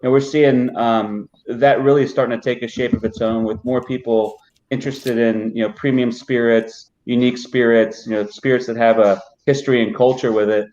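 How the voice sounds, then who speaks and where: A man's voice: mid-range voice, fairly even intonation, moderate pace, darkish tone. A man from Armenia, a spirits company founder, talking casually in a live online chat with lots of "you know" fillers. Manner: loose, filler-heavy, "you know" often. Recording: dull lo-fi audio.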